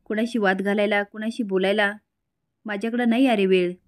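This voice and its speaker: Soft-spoken young mother, calm and devoted, read by a woman, ordinary voice. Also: medium pitch, brisk, natural voice. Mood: gentle.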